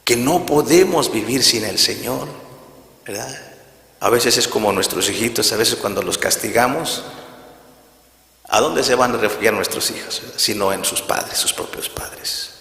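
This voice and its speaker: A preacher delivers a sermon in a gravelly, bright voice, often turning to his flock with a questioning aside. He acts out scripture scenes as he goes. The recording carries a long reverb from a large hall. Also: medium pitch, expressive, a little slow. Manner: repeats "brothers" and "right?" often, acts out Bible scenes. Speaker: minister.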